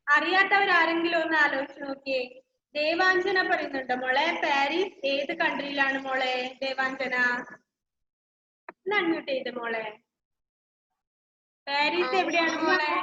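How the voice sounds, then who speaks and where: A woman's voice: sits high, pushed and bright, slight background noise. A woman with a Malayali English accent, teaching young children in an online class and coaxing them with repeated questions. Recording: echoey, slightly dull video-call audio.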